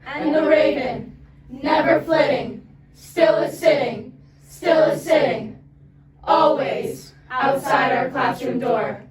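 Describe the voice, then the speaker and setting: High-pitched young women chanting in unison, far off. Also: female voice, slow. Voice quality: loud, emphatic projection. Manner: chorus in unison, several young voices reciting together. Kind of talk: dramatic choral poetry recitation. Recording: echoey, distant mic, loud crowd of voices.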